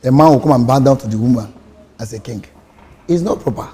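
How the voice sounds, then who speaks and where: A man's voice: medium pitch, brisk, warm tone, slightly rough. A man on a talk show panel, arguing his point stubbornly and repeating himself. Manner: stubborn, repetitive, argumentative.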